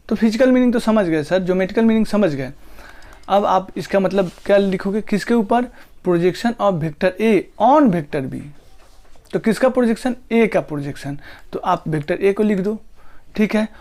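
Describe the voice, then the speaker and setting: A man's voice: high voice, mellow. Man teaching, quizzing his class. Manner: asks students rhetorical questions and answers them himself; drawn-out slow dictation of terms. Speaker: physics teacher. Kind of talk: classroom lecture.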